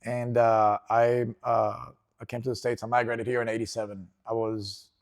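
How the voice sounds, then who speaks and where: A man in his forties from Venezuela, a jiu-jitsu instructor, telling his story in a relaxed, rambling way with many fillers and restarts. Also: medium pitch, moderate pace. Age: 40s. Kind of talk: casual interview.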